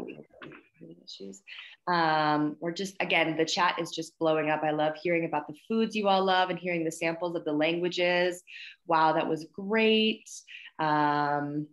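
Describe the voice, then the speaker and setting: A woman in her thirties, with a lowish, slightly bright voice, hosts a student poetry reading over a video call. She sounds encouraging and full of praise, speaking from a plain indoor room that gives off an echo.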